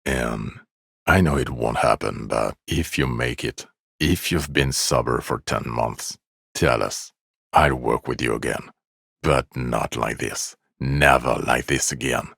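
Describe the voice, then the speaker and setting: Extremely low and creaky, the man's voice brings the middle-aged game detective to life, blunt, jaded and sarcastically weary. He takes it slowly in a full character voice, slightly bright, sounding weary and final, recorded close and dry with no room on it.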